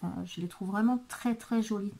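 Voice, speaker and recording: A woman presenting craft supplies in a casual video, hesitant and full of fillers, murmuring softly while she handles things. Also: medium pitch, moderate pace. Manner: hesitant, many fillers and restarts. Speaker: craft vlogger. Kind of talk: casual product show-and-tell.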